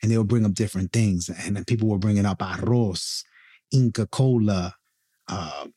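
A man's voice: fairly low pitch, moderate pace, dark tone, husky. A man hosting a podcast in casual live chat, informally slipping Spanish phrases into his English. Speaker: podcast host.

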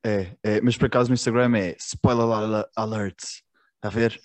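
A man's voice: fairly low pitch, steady tone, normal speed, no room sound. A man with a European Portuguese accent interviewing someone in an informal, slangy, chatty way. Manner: informal, slangy, repeats short agreements. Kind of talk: casual interview chat.

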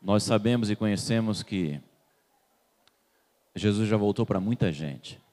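A man from Salvador, Bahia, Brazil, preaches a sermon in a church hall, asking the congregation questions and waiting for their answers. His voice is fairly low, a little slow and slightly mellow, with long hall reverb on the recording.

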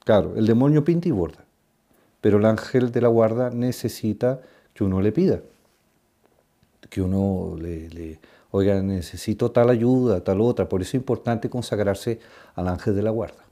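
Mellow-voiced priest chatting on a podcast. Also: male voice, fairly low pitch. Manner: halting, frequent restarts, animated when telling stories. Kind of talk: casual podcast conversation.

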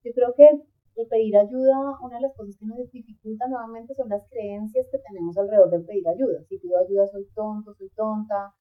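A woman's voice: medium pitch, fairly quick. A woman, a podcast guest, giving earnest, reflective advice in a conversational way and acting out quoted examples. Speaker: podcast guest, migrant coach. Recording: tinny phone-like line.

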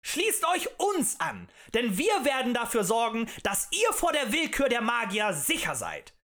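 A man voicing a fiery male demagogue who rants and shouts at a tavern crowd in an audiobook. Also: very high-pitched, wildly swooping pitch, normal speed, pitched above the performer's own voice, heavily acted. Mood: ranting. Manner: ranting, shouting, rhetorical and accusing.

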